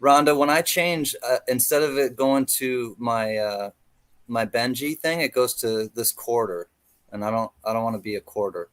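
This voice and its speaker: A man's voice: medium pitch, normal speed, fairly bright tone. A man co-hosting a casual livestream, chatting in a friendly, slightly hesitant way. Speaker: livestream co-host.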